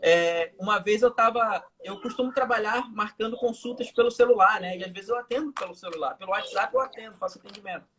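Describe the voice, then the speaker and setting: In a casual live chat over a video call, a young man with a Manaus Brazilian Portuguese accent, a hypnotherapist guest, talks fast with hardly any pauses. His high voice is pushed and bright with a breathy edge, and he illustrates his point through everyday stories.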